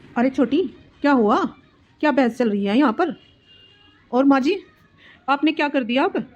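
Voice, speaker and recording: Cartoon younger daughter-in-law, blunt and demanding, high voice, lo-fi with faint music, as a woman puts her on. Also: animated, moderate pace, a little mellow. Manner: blunt, lecturing.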